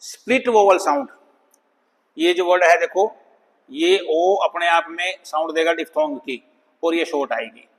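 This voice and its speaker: A man teaching an English phonics lesson, sounding out words slowly and repeating them for students. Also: fairly high pitch, big-room sound, poor audio. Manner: slow, drawn-out demonstration of words, calls students "bhai".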